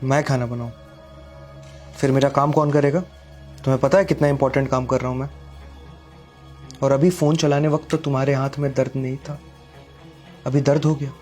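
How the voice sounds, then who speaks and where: A man's voice: medium pitch, little pitch movement, brisk, long pauses, darkish tone, faint music behind, lightly acted. A young man acting a scornful, lecturing rich boyfriend in a dramatic short film. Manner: scornful, lecturing, raises voice in arguments. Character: arrogant wealthy young man, contemptuous and moralizing. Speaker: actor playing Sahil, a rich boyfriend.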